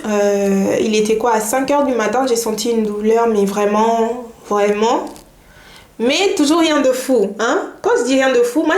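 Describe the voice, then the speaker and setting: Chatty young woman with a high voice. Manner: lively, chatty, laughs while telling, addresses viewers directly. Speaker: vlogger. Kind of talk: casual storytime to camera. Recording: echoey room, faint noise.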